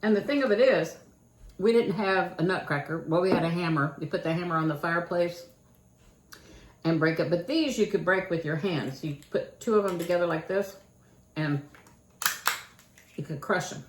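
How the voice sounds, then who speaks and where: A woman's voice: on the low side, moderate pace, pauses often. An older woman with a Kentucky accent, chatting in a folksy home vlog about her own childhood. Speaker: channel host. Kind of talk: casual home vlog chat. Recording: echoey room with faint noise.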